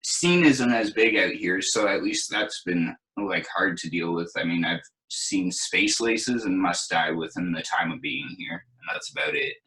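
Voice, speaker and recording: Bright-toned laid-back young man. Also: low-pitched, a little slow, hardly any pauses, poor audio. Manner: laid-back, rambling, lots of fillers. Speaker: guest DJ and producer. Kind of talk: casual chat.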